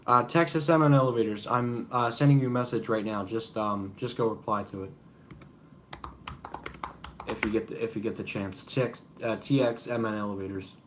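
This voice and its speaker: A man's voice: on the low side, normal speed, fairly bright tone, a little hiss or hum. A young man hosting a casual live-stream Q&A, rambling with many fillers and apologies. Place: room at home with noise behind.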